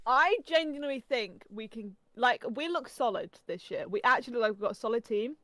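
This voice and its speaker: A young woman from England with a softened Norfolk accent, co-hosting a casual podcast chat and rambling with lots of fillers. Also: fairly high pitch, animated, fairly quick, dry recording. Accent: English, softened Norfolk. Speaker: podcast co-host.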